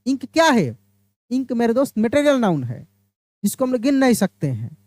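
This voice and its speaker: A woman's voice: a little high, very animated, a little mellow, dry recording. Woman teaching grammar with dry sound. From India. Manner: explains step by step, keeps asking "my friend" and answering herself; drawls English example phrases out slowly. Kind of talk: exam-prep grammar lesson.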